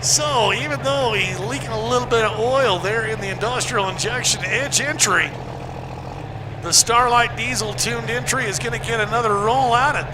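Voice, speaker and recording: A man working as a tractor pull announcer, calling a live sled pull with excited, drawn-out calls. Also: extremely high pitch. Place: outdoor motorsport event over engine noise. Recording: noisy outdoor event, engine noise.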